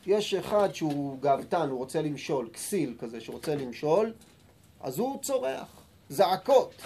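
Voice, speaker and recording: Man with a dark voice teaching Torah. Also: a little high. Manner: explains calmly, reads sources slowly, then acts out quarrels with sudden loud bursts. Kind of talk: Torah lesson.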